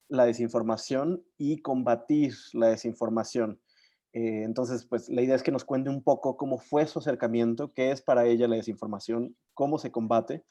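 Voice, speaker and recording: A man's voice: medium pitch, mellow. A man moderating an online learning session over a video call, courteous and a little hesitant as he introduces people.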